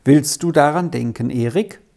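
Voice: medium pitch, normal speed, gravelly, lightly acted. A reader doing a kindly village pastor. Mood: earnest. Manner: gentle admonishing, fatherly. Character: kindly stern old-fashioned male village pastor. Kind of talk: audiobook reading of a character.

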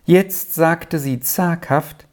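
A narrator reading an old-fashioned children's story aloud in an expressive way. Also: mid-range voice. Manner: expressive, unhurried.

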